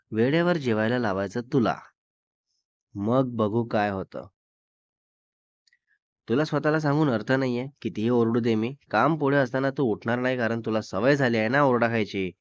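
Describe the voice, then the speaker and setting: A man's voice: mid-range voice, dry recording, natural voice. A man voicing a young boyfriend who scolds his girlfriend sternly but with care. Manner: scolding, then coaxing. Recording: dull lo-fi dry recording.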